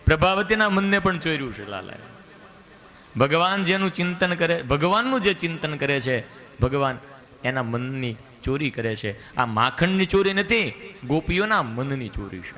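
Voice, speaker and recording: Casting: a male devotional storyteller, folksy and lively, with a bright, forceful tone. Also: a little high, moderate pace. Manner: lively, folksy, acts out voices. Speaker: religious storyteller.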